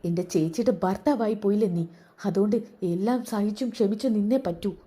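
A woman's voice: mid-range voice, fairly quick, mellow, lightly acted. A woman doing a fierce, scolding young sister. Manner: scolding, warning.

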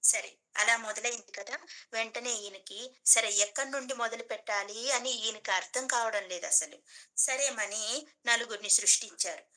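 Very bright-voiced woman telling devotional stories. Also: fairly high pitch, normal speed, poor audio. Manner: storytelling, asking rhetorical questions and answering them. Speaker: devotional teacher. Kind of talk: devotional storytelling discourse.

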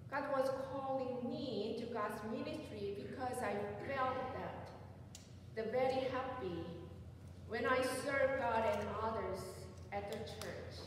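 Preaching from the pulpit of a church sanctuary, a woman pastor in her forties with a Korean accent gives a slow, earnest sermon of personal testimony. Her voice is a little high, picked up by a pulpit mic but recorded by a far camera, so it sounds echoey and distant with slight hiss or hum.

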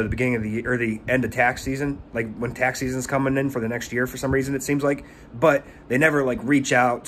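This is a pressure washing business owner in his thirties, his mid-range voice a bit bright, rambling through tips in a casual talking-head vlog while stumbling and repeating words. A phone held at arm's length in a small room captures it, along with a little hiss or hum.

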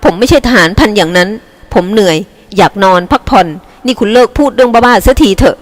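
A woman's voice: on the high side, fast, lightly acted. Lady reading as a tired young army officer husband, curt and patronizing, long echo. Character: young male army officer, weary and dismissive. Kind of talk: audiobook character reading. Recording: long hall reverb.

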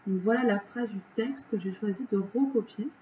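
A woman with a French accent, a teacher going through a reading lesson's answers for children in a slow, patient, step-by-step way. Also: mid-range voice, mellow, muffled recording, slight background noise.

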